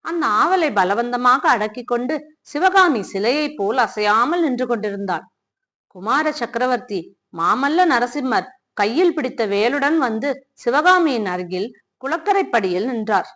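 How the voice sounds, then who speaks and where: A woman with a Tamil accent, reading a novel aloud as a channel's storyteller, steady and expressive. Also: fairly high pitch, a little slow.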